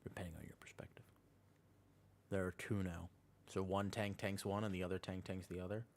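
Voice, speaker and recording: A low-voiced man streams an online game, speaking briskly with little pitch movement. His chat with viewers and teammates stays relaxed and slangy.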